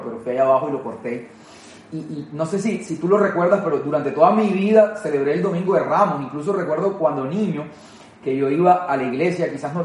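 A man's voice: a little high, a little mellow, echoey room, slight background noise. A man preaching an online Palm Sunday sermon, earnest and emphatic, often repeating words as he starts a phrase. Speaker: pastor.

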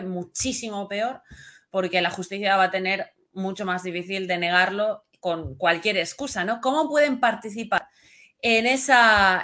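A woman's voice: mid-range voice, a bit bright. A woman hosts an interview in a chatty, loose way, thinking aloud as she asks her questions. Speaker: interview host. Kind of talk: casual interview, live show.

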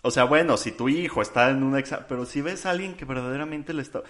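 Mexican man, panel host, casual and animated, stretches words for emphasis. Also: medium pitch, fast talker.

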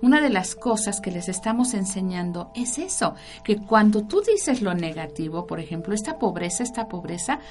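A woman talks on the radio about prayer and angels, at a middle pitch for a woman. She coaches the listener directly in a guiding way, and soft music plays faintly beneath her. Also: sing-song, normal speed, hardly any pauses. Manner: instructive, addresses the listener directly. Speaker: spiritual radio talk host.

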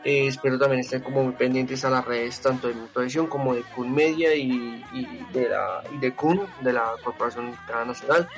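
A man's voice: mid-range voice, fairly even intonation, faint music behind. Hesitant man hosting sports talk. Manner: conversational, hesitant, with frequent pauses and restarts. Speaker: sports talk show host. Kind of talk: casual sports analysis and show sign-off. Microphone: remote connection from home.

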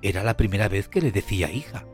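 A man narrating a fairy tale with an expressive storytelling cadence. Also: lowish voice, fast talker. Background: faint music.

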